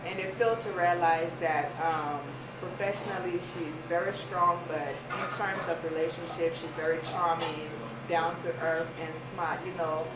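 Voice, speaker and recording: A woman's voice: on the low side, fairly even intonation, a little slow, few pauses. A woman, an actress, describing her film role in an upbeat, casual interview manner. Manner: upbeat, many fillers. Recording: echoey and distant with noise. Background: ambient noise.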